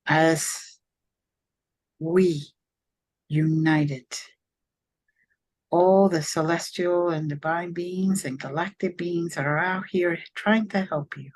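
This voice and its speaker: A woman leading a guided meditation in a soft, soothing, measured way, with long pauses between phrases. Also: lowish voice.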